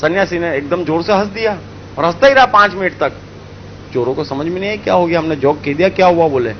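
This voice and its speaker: A man from India telling a spiritual story in an animated way, acting out the characters. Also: a little high, fast talker, lo-fi sound, a little hiss or hum. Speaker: spiritual speaker. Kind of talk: storytelling talk.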